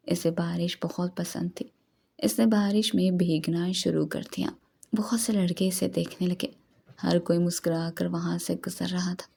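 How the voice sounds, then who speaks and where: A woman narrating a romance novel as an audiobook in a steady storytelling read. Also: fairly low pitch, creaky, husky.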